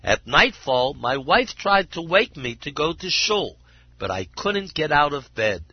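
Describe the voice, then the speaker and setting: A man's voice: fairly high pitch, big pitch swings, measured pace, husky, dry recording, full character voice. A man voicing a humble water carrier telling his story in plain, earnest words, in a dull lo-fi recording. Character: simple humble male water carrier, tearful.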